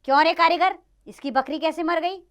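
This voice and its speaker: A woman's voice: a little high, big pitch swings, moderate pace, fairly bright tone. A woman voicing a foolish, blustering king who barks orders in a children's play reading. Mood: bossy. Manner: commanding, barking orders.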